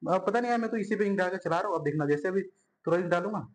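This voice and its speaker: High-voiced man teaching math. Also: racing. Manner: chatty, addresses students as bhai and yaar, repeats words while drawing. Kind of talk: casual board-exam math lesson.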